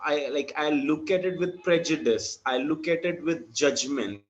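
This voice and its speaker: A man teaching yoga philosophy in an online class, explaining patiently and checking that his student follows. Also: a little high. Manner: patient, explains slowly with many checks for understanding. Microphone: video call. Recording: dull lo-fi video call audio with faint music.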